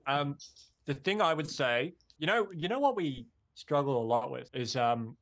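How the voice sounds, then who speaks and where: A man with an Australian accent, a comedian guest in a casual podcast chat, telling animated stories. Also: on the high side, moderate pace. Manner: animated storyteller, slips into mock American voices.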